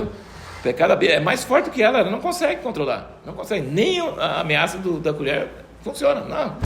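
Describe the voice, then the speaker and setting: An older man teaches a Bible lesson. He tells stories in an animated way and acts out the voices of the people he quotes. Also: fairly high pitch, gravelly, slight background noise. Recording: roomy echo.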